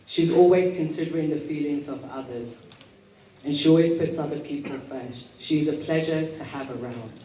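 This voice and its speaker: A woman giving a motivational talk as an etiquette coach, with prim, precise enunciation and a measured, polite manner. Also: sits low, dark tone. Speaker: etiquette coach speaking at an event. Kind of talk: motivational talk to a live audience. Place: indoor event room with audience. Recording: roomy, distant mic, noisy hall.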